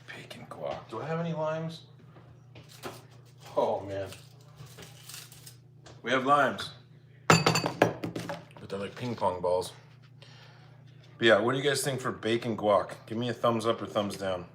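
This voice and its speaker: In his home kitchen, a man hosts a live cooking stream, chatting informally with viewers and thinking aloud. His lowish voice is animated yet slow, with long pauses, while dishes and cutlery clatter clearly in the background.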